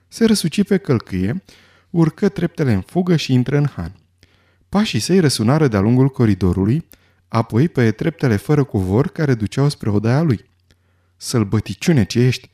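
Guy reading a story out loud, dark husky voice, really lively delivery. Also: medium pitch. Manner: expressive, dramatic storytelling. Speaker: narrator. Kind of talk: scripted audiobook narration.

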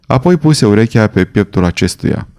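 Guy narrating an adventure novel, low warm voice, dramatic but steady. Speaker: audiobook narrator. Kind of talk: scripted narration.

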